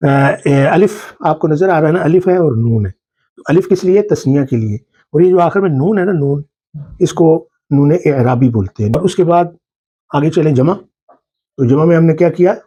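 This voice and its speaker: A man's voice: fairly high pitch, mellow, breathy edge. A man teaching a grammar lesson who keeps asking questions and answering them himself, with English terms mixed into his explanations. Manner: patient, asks and answers his own questions.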